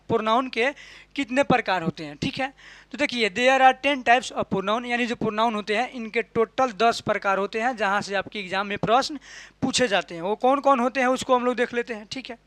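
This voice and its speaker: High-voiced man teaching grammar, dry sound. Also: brisk, no echo. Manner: asks and answers his own questions, repeats key terms; ends points with a soft "ठीक है". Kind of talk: classroom lesson explaining in Hindi.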